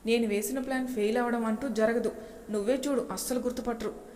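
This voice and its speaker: A woman's voice: fairly high pitch, steady tone, fast talker, a little mellow, slight background noise, lightly acted. Woman doing a jovial, teasing office colleague. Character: middle-aged man, joking lazy office colleague. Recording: long reverb echo.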